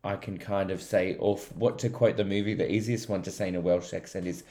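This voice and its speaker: A man co-hosting a movie review podcast in casual chat, chatty and teasing with quick laughs. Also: sits low, fairly even intonation, warm tone. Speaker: podcast co-host.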